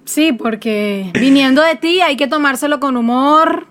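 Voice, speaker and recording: A woman's voice: sits high, unhurried, fairly bright tone, a little hiss or hum. A woman with a Venezuelan accent, co-hosting a podcast in casual, teasing chat. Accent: Venezuelan Spanish. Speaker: podcast co-host.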